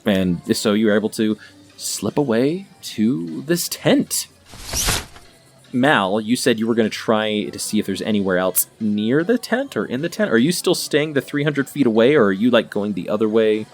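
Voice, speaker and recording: A man's voice: on the low side, expressive, normal speed, soft background music. A man improvising narration as game master of a tabletop role-playing game.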